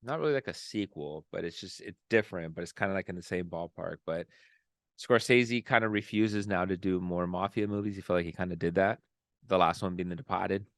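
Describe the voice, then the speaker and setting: A man's voice: sits low, fairly quick, no room sound, clean studio sound. A man co-hosting a podcast, chatting casually with playful exaggerated jokes. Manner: joking, laid-back, playful exaggeration. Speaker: podcast co-host. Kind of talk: casual chat.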